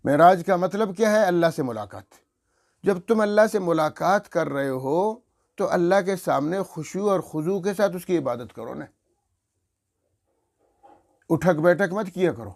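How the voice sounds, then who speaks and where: Earnest man teaching slow prayer. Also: high voice, animated, gravelly, a little mellow. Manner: slow, deliberate recitation of prayers as examples; earnest, instructive, corrects by demonstrating. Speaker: Quran teacher. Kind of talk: religious teaching talk.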